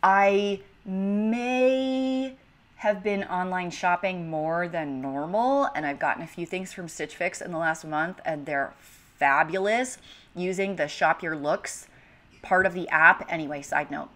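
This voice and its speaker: Thirties, American home-cook host, chatty and upbeat, slightly low voice, casual kitchen voice-over. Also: female voice, a little slow, fairly bright tone. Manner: chatty, upbeat, conversational asides. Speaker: cooking channel host.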